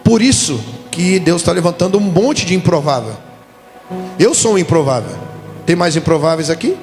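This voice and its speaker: A man's voice: fairly high pitch, moderate pace. A man from Brazil, a pastor preaching a sermon at a conference, telling stories and acting out quoted voices. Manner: animated storytelling with voiced quotes. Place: church conference hall. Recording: reverberant hall with music behind.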